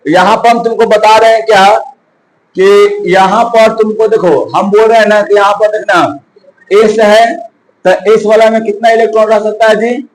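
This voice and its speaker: A man's voice: sits high, low-quality recording. A male coaching teacher, giving a chemistry lesson, asking and answering his own questions and counting aloud.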